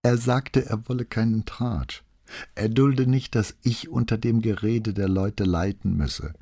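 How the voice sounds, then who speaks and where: A man's voice: on the low side, steady tone, measured pace, dark tone, slightly rough, dry recording, clean studio sound, voice pushed up. A man voicing a proud, agitated married woman who confesses in a pressed, indignant tone. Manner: pressed, indignant, self-righteous.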